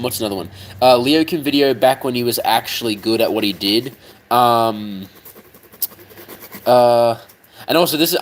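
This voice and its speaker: A man's voice: mid-range voice, low-quality recording. A young man with an Australian accent, chatting casually while he works, swearing often and filling gaps with ums as he tries to remember things. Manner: swears freely, lots of ums and trailing off. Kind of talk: casual rambling chat while working on a model.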